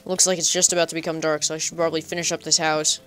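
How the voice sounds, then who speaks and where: A man's voice: fairly high pitch, little pitch movement, rapid-fire, fairly bright tone, faint music behind. A man giving casual, chatty let's play commentary, talking to himself playfully and making up goofy nicknames for animals. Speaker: gaming channel host.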